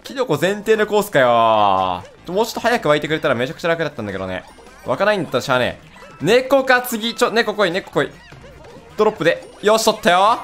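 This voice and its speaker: A young man reacts to his gameplay in a quick, lively rush, his pitch bouncing high and low. He talks rough and playful, scolding the screen in jest. Faint game music plays behind him. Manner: excitable, blurts rapid reactions and laughs; rough casual talk, playful mock scolding. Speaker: gaming video host. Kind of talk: let's-play commentary.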